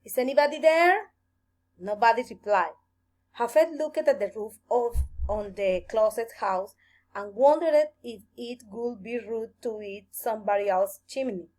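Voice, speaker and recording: A woman reading a fairy tale aloud for children, slow, gentle and expressive. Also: fairly high pitch. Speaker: storyteller.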